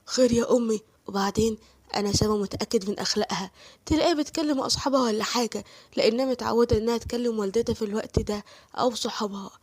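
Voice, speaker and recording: Woman doing a loyal egyptian husband, tired but firm, talks fast. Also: fairly high pitch, darkish tone, no room sound, lightly acted. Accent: Egyptian Arabic. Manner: firm, defending his wife.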